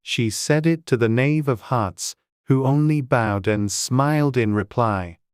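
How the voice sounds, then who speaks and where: Man, audiobook narration, slow delivery, medium pitch, dry close recording, storybook style. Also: clear, resonant tone, no echo. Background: faint music.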